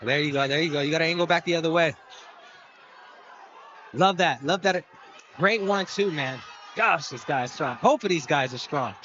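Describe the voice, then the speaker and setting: A man doing casual live boxing commentary, excitable and streetwise, repeating phrases and tossing in coaching tips. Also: on the high side, normal speed, long pauses. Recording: muffled mic amid noisy fight crowd. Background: fight crowd.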